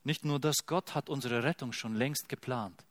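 A man preaching a sermon with emphasis, swinging between loud urgent bursts and hushed, repeated phrases. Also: medium pitch, normal speed, no echo.

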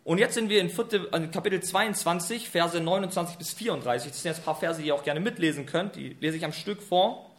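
A man preaching a sermon, retelling a scripture story in a lively, colloquial way. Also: a little high, fairly quick. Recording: echoey room.

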